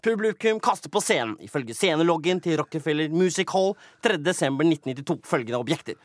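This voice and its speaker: A man, a comedy show host, giving theatrical mock-dramatic documentary narration that swings between booming and hushed. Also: expressive, no room sound, studio quality.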